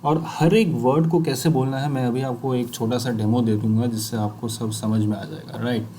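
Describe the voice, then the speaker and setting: A man with an Indian accent coaching people who stammer, mixing Hindi and English and reading English sentences one word at a time with pauses. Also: medium pitch, fairly even intonation, dark tone, a little hiss or hum. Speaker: speech fluency coach. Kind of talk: slow instructional demonstration.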